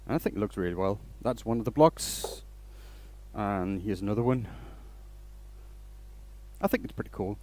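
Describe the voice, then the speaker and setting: A man's voice: on the low side, expressive, normal speed, pauses often, darkish tone. Man chatting on a livestream. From Denmark. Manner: rambling, restarts sentences, greets chat viewers by name. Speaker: woodturning livestream host. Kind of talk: casual live-stream chat while working.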